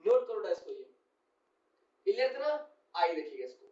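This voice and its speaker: A man's voice: high voice, sing-song, fairly quick, darkish tone. A man teaching chemistry to a class, explaining step by step, repeating key terms and often asking whether students have understood. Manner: keeps checking understanding and calls students "son". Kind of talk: classroom lecture. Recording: roomy, distant and dull-sounding.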